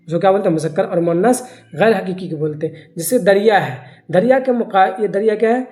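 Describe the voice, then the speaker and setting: A teacher explains a grammar lesson at a steady, medium pitch. The teacher keeps putting questions to the listeners and answering them right away, then says the key words again slowly so they stick. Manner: asks the class questions and answers them himself.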